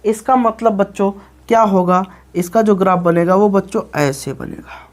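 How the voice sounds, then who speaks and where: In a high, steady voice at normal speed, a man teaches physics, explaining graphs to his class. He tends to repeat points, asks questions and answers them himself, and frequently checks comprehension, addressing the students as "children" and asking "okay?"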